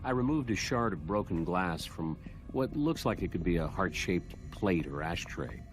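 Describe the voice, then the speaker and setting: Brief: affable morgue doctor for a crime game, low register, dryly witty and matter-of-fact, music clearly underneath. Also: male voice, lively intonation, normal speed. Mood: genial, wry. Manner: chatty, dryly humorous, matter-of-fact about gruesome details. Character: genial, wry male medical examiner in a morgue. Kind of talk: video game voice acting.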